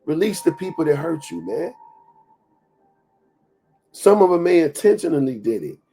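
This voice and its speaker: Mellow-voiced man giving a motivational talk. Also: on the high side, sing-song, normal speed, breathy edge. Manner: preachy, conversational, repeats phrases for emphasis. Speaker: show host.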